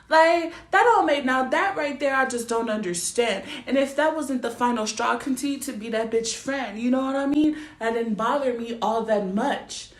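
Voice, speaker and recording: Young woman ranting to her viewers, cussing a lot, kinda high voice, echoey room. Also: a bit bright. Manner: blunt, profane and emphatic, often asking the viewer to agree. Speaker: vlogger. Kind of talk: casual storytelling rant to camera. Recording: roomy echo.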